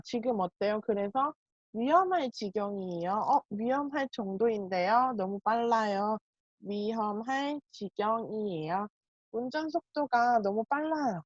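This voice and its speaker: A woman teaching a language lesson, explaining each point slowly and repeating example sentences. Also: medium pitch, dry recording. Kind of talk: Korean grammar lesson. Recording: dull, muffled lo-fi sound.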